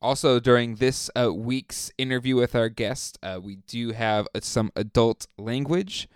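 A man's voice: mid-range voice, a little slow, smooth, dry recording, studio quality. A man in his thirties co-hosting a casual podcast chat, rambling with lots of fillers. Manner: rambling, filler-heavy, laughs often. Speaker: podcast co-host.

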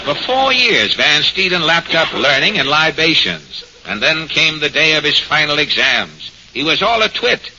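A man's voice: fairly high pitch, big pitch swings, normal speed, hardly any pauses, sharp tone. A man giving scripted, mock-solemn narration in a 1940s radio comedy. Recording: muffled, hissy 1940s radio recording.

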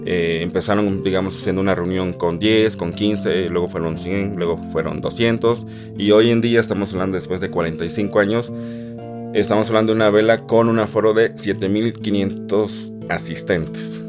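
A young man with a Mexican Spanish accent tells his own story in a deep, low voice. He talks in a chatty, lively way and slips into a high voice when he acts out what other people said. Guitar music plays clearly behind him. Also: moderate pace. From Isthmus of Tehuantepec, Mexico. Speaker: interviewee telling his life story. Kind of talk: personal storytelling.

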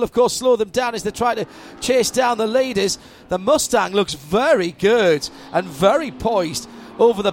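A woman's voice: on the high side, slight background noise. A woman giving live motorsport commentary as lead commentator, with a running call that swells with the action.

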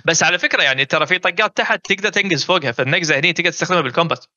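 Bright-voiced fast-talking Gulf Arabic man. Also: on the high side, no room sound, muffled recording. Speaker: guest gamer. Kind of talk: casual chat.

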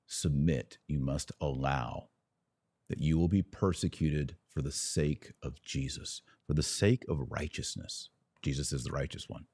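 A man with an extremely low, darkish voice hosts a live religious commentary stream as a podcaster, recorded dry with clean studio sound. He reads out comments and answers them emphatically and preachily, using short repeated declarations.

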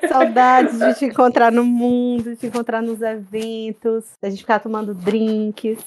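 A woman's voice: fairly high pitch, level tone, unhurried, darkish tone, slight background noise, poor audio. A woman with a Brazilian Portuguese accent, chatting informally as a podcast co-host. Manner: informal, slangy. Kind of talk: casual chat.

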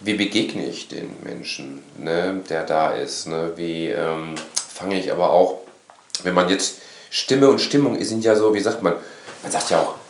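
A man in casual conversation, talking in an animated, rambling way and often tagging his sentences with a questioning "ne". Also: deep voice, a little slow, a little hiss or hum. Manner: animated, rambling, frequent tag "ne?". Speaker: course instructor. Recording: echoey room.

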